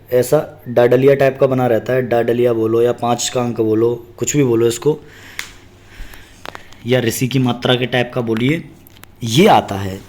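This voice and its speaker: A man's voice: mid-range voice, a little mellow. A man teaching an exam-prep grammar lesson, explaining step by step, asking and answering his own questions and repeating key terms.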